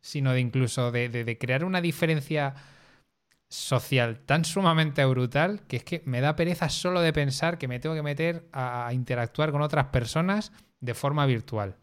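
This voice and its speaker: A man's voice: mid-range voice, normal speed, smooth. A man with an accent from Spain chatting on a podcast, explaining opinions colloquially and repeating words as they go. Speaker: podcast panelist. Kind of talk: casual chat.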